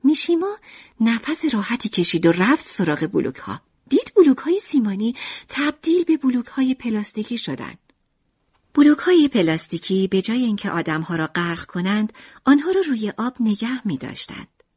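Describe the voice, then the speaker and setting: Lively, breathy woman narrating an audiobook. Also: a little high. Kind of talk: scripted narration. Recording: dull lo-fi audiobook recording.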